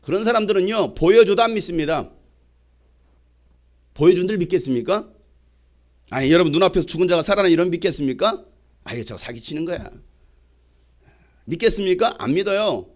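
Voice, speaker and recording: A male pastor preaching a sermon, asking rhetorical questions and swinging between loud emphasis and quiet asides. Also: high-pitched, lively intonation, quick pace, pauses often. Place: church sanctuary.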